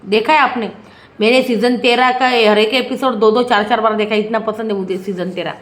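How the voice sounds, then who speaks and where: A woman's voice: fairly high pitch, steady tone, normal speed, fairly bright tone. A woman reviewing a reality show in opinionated, casual commentary. She sounds indignant and keeps firing rhetorical questions. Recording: echoey room.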